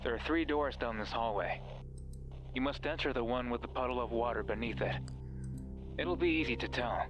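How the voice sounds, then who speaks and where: In horror visual novel voice acting, a man plays a mysterious, controlling voice guiding the player through a hospital. His mid-range voice is close to an everyday one, but his delivery is commanding, condescending, and deliberate, full of menace and false care. Music plays behind him.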